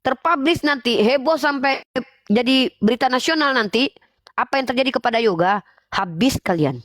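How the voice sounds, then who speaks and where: A stern woman preacher scolds in a live-stream lecture and hammers her accusations home again and again. Her voice sits fairly high and sounds dry and close, with almost no room echo. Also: normal speed, fairly bright tone. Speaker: livestream Islamic preacher and host.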